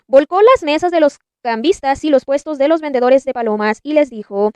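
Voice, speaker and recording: A woman reading scripture aloud in a measured, deliberate narration. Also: high voice, no echo. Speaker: Bible narrator.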